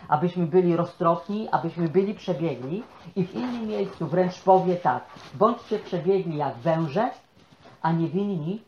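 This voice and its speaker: Chatty preacher in an echoey church. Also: male voice, high voice. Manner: chatty, peppers speech with tag questions. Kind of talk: conversational sermon. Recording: echoey, dull room sound.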